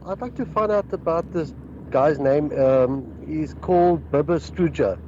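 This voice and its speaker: A man's voice: fairly high pitch, measured pace, a little mellow. A man asks a rambling, hesitant question in a recorded voice message that is played on the radio. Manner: rambling, hesitant, with many fillers. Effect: recorded voice message played on air. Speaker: listener sending in a question. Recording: dull lo-fi voice note with faint street traffic.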